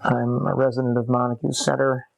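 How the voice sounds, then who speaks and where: A musician from Massachusetts in his late forties, with a scratchy, creaky, medium-pitched voice and a level tone, tells his life story unhurriedly in an interview. Seated at a desk in an upstairs apartment room, he speaks in relaxed, conversational fashion, reflective and pausing often. The recording is dry.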